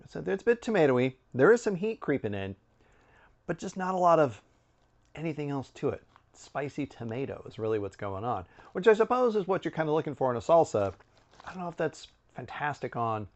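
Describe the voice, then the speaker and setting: A middle-aged man giving a casual product review to camera, conversational, with musing pauses and asides. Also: on the high side, lo-fi sound. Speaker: snack review video host. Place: indoor room with bookshelves.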